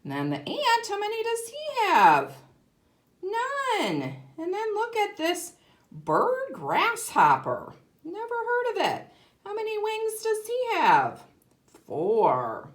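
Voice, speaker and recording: A kindergarten teacher leads a read-aloud lesson for young children, explaining things simply and deliberately, with emphasis and questions to the listener. Her voice is extremely high and swoops wildly in pitch.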